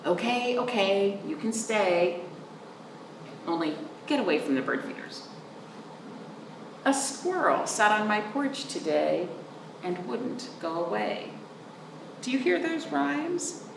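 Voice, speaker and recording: A woman reads a storybook to small children, very animated, with broad pitch swings, stretched sing-song words, and some vocal fry. She is a storytime librarian who takes it slowly and pauses to explain words simply. The sound is echoey, the mic distant, and there is faint noise.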